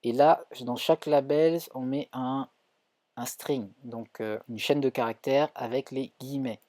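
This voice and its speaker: A man's voice: mid-range voice, fairly even intonation, measured pace, warm tone, dry recording. A man with a French accent teaching a live coding tutorial, thinking aloud with many fillers and self-corrections. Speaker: coding instructor streaming.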